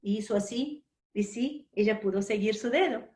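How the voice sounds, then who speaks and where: A woman from Brazil giving a spiritual lecture, telling a personal story in a gentle, unhurried way with soft asides. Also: medium pitch.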